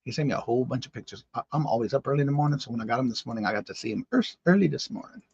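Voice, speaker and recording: A man's voice: medium pitch, lively intonation, racing, vocal fry, darkish tone, highs cut off, slight background noise. A man in his fifties hosting a casual live-stream morning show, chatting with viewers by name and exclaiming in disbelief. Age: 50s. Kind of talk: casual live-stream chat reading comments.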